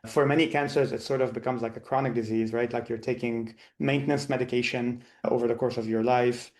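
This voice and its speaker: A man's voice: mid-range voice, steady tone, fairly quick, darkish tone. A man in his thirties, born and raised in Lebanon, answering interview questions as a physician guest in a thoughtful way with many restarts. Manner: thoughtful, frequent restarts and repeated words.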